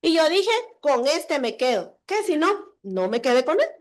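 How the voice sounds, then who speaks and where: Woman, Guatemalan accent, high voice, lively storytelling talk, confiding. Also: unhurried. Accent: Guatemalan Spanish. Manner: animated, confiding, audience tag questions. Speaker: conference speaker. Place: conference hall.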